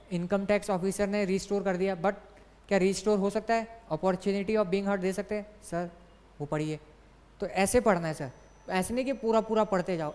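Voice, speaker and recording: A woman teacher gives an online exam lecture, walking through each point step by step. She keeps asking questions and answering them herself. Her mid-range voice carries a long echo, as if she is recording in a hall. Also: mid-range voice.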